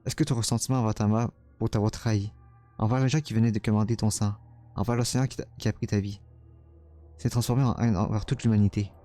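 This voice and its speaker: A man's voice: fairly low pitch, fairly even intonation, fast talker, dark tone, soft background music, natural voice. A man reading a game's first-person narration as a tormented young man, dramatic and stumbling over words now and then. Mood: anguished.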